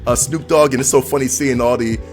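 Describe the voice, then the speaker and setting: A man's voice: mid-range voice, steady tone, fairly quick, soft background music. A man as a podcast guest in casual chat, talking in a laid-back, slangy way with lots of fillers.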